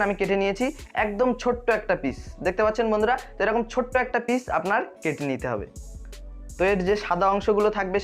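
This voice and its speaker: A magician host explains a tutorial straight to viewers, often checking that they are following. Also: medium pitch.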